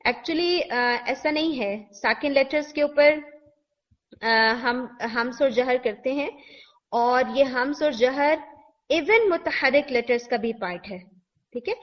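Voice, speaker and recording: A woman teaches pronunciation in a slightly high voice. She talks slowly and patiently, stretching out example sounds and repeating them. The recording is dull and lo-fi. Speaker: tajweed teacher.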